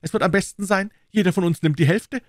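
A man reading puts on a rowdy soldier of the king's guard who teases with feigned gravity. He talks louder and somewhat higher than the reader's own voice, in a dry close recording. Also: fast talker, dry recording, lightly acted. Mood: mocking. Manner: mock-serious, loud. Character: male royal guardsman, mocking and boisterous. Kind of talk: audiobook character voice.

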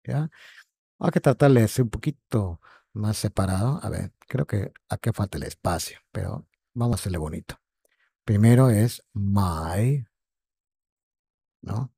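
A man teaches English to beginners. He speaks slowly and repeats each word several times. His voice is low, mellow and a little husky, recorded close and dry. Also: no room sound. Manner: slow, repeats words for drilling. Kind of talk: online English lesson.

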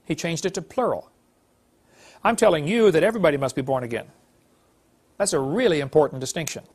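A man with a fairly high voice explains his point step by step. He teaches plainly and checks with his listeners as he goes. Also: lively intonation, brisk, husky. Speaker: Bible teacher.

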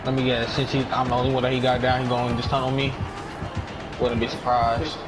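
A man chatting casually while playing a video game, reacting live with profane slang and excited repetition. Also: medium pitch, brisk, over music.

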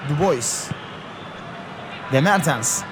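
A man's voice: a little high, animated, very slow, noisy background. A man doing live football play-by-play, naming players in short, clipped phrases. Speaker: football match commentator.

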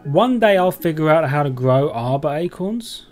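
A man's voice: on the high side, animated, normal speed, darkish tone, soft background music. A man doing gameplay commentary, thinking aloud in a rambling way and asking himself questions. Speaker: game streamer, let's play host.

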